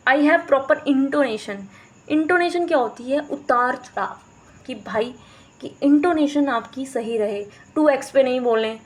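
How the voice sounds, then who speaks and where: A woman's voice: sits high, a little slow, poor audio. A woman teacher explaining teaching methods, mixing in English terms and demonstrating pronunciations. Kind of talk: explaining a teaching course in Hindi.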